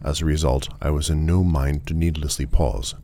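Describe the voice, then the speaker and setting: A man's voice: extremely low pitch, steady tone, normal speed, mellow, slight background noise. A man narrating a first-person story in a dry, wry, genteel manner.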